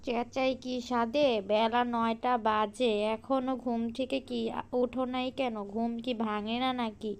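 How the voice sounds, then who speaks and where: A woman's voice: on the high side, steady tone, a little slow, slight background noise. A bossy nagging mother-in-law. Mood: scolding. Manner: scolding, calls out repeatedly. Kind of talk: cartoon voice acting.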